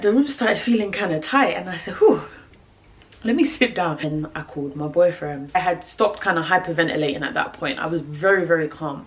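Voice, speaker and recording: A young British woman telling a personal story to camera, animated and laughing, with lots of fillers. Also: deep voice. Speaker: vlogger.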